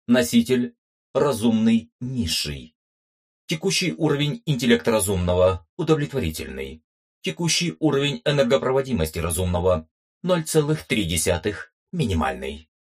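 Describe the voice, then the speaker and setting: A man voicing a cold machine artifact that reads out status reports in flat, formal announcements. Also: on the low side.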